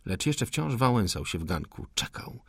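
A man narrating a literary audiobook in a measured, deliberate reading manner. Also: on the low side, very animated, gravelly, slightly rough, no room sound, studio quality.

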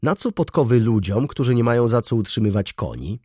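A man's voice: medium pitch, animated, brisk, darkish tone, breathy edge, no room sound, clean studio sound. A man voicing an agitated, proud noblewoman who speaks in an indignant, trembling tone.

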